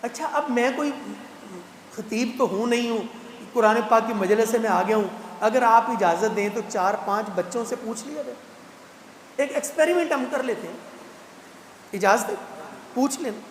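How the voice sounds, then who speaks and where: Man, mosque speaker, animated rhetorical style, echoey hall, faint background noise. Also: very high-pitched. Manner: animated, teasing rhetorical questions to the crowd. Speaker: guest speaker at a Quran completion gathering. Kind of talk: mosque talk.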